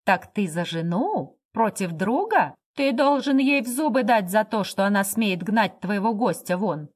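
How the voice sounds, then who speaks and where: A woman reading aloud, voicing a drunken, insolent man who shouts crude, mocking insults. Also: mid-range voice, expressive, a little slow. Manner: loud, jeering, crude.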